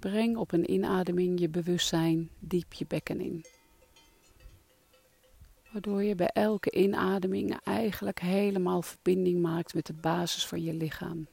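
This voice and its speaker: A meditation guide with a mellow, creaky voice speaks very slowly and softly. The delivery is calming and breathy, often sinking toward a whisper, as in a guided relaxation. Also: mid-range voice, dry recording.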